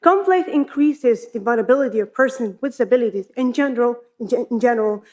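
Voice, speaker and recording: A young woman from Palestine, a PhD researcher, giving an earnest academic conference presentation and listing her points deliberately. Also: fairly high pitch, darkish tone.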